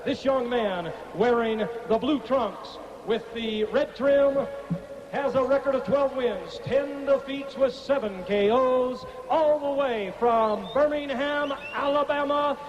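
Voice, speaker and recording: A man working as a boxing ring announcer, giving formal, showy introductions in a declamatory, drawn-out delivery over an arena PA. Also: very high-pitched, music in the background. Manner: declamatory, drawn-out delivery of fighters' names and records. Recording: echoey arena PA, muffled, crowd noise.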